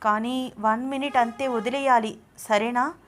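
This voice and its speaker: A woman voicing a young wife in a storybook reading, shy but quick to scold in a high, loud voice. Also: steady tone, close to an everyday voice. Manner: scolding, shrill when annoyed.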